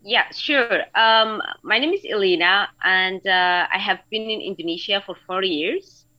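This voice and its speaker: A woman from Sudan, a guest writer co-presenting a radio show, with hesitant fillers when chatting and a steady manner when reading. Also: medium pitch, unhurried. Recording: dull lo-fi remote recording.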